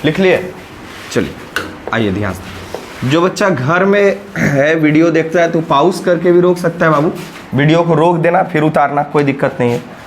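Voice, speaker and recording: A man teaches maths in a classroom, his voice sitting a little high for a man. He counts through the steps aloud and keeps checking with the students, coaxing them to say whether it is clear. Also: slight background noise. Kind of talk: classroom lesson at a whiteboard. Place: classroom, recorded in summer heat.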